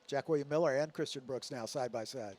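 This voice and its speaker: A man's voice: medium pitch, a little fast, a little mellow, no echo. A man co-commentating live motorsport, adding analysis of the cars and their moves.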